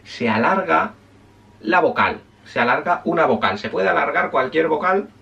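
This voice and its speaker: A man's voice: on the high side, expressive, moderate pace, creaky, sharp tone, recorded from a distance, dull audio. A man teaching a casual spoken language lesson, chatty and self-correcting, often checking in with his listeners.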